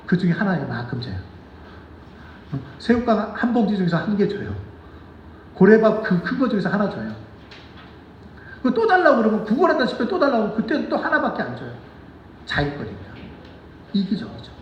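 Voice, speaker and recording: A man preaching a sermon as pastor, animated and asking the congregation questions, sometimes acting out children's voices. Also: high voice, fairly quick, pauses often, reverberant, distant mic, highs cut off, slight background noise. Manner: acts out children's voices in quotes. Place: church sanctuary.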